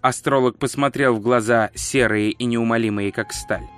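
A man narrating an audiobook in a measured, wry storytelling manner. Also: medium pitch, fairly even intonation, soft background music. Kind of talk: scripted narration.

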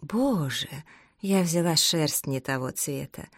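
A woman voicing a gentle, fluttery, chatty old lady who talks politely. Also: deep voice, expressive, slow pace, no room sound, studio quality, exaggerated voice.

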